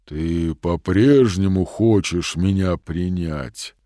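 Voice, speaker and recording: A man voicing Death as a huge, slow shadow. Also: low-pitched, mellow, no room sound, clean studio sound, pitched below the performer's own voice. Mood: solemn. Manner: slow, drawn-out, solemn. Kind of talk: audiobook storytelling.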